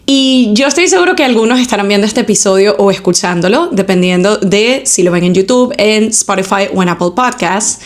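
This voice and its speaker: A woman's voice: mid-range voice, a little fast, hardly any pauses. A woman in her thirties with a Venezuelan accent, hosting a casual solo podcast from home and chatting with listeners, sprinkling English words into her Spanish. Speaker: podcast host. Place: home, indoors.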